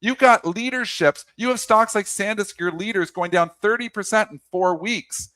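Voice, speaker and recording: A man's voice: sits high, moderate pace, sharp tone, no echo. A man co-hosting a market talk show, ranting with passion and hammering his points through repetition.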